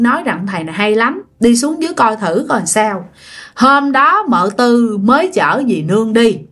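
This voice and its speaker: A woman telling a ghost story in a chatty way, talking straight to her listeners. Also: mid-range voice. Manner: chatty, addresses listeners directly. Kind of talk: casual ghost-story narration.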